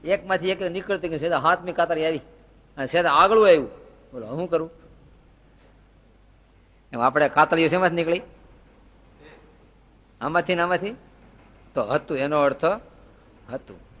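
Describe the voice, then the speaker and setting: A man's voice: a little high, normal speed, pauses often, fairly bright tone. A man giving a devotional sermon, asking rhetorical questions and telling folksy anecdotes. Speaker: spiritual teacher. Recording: long reverb in a hall.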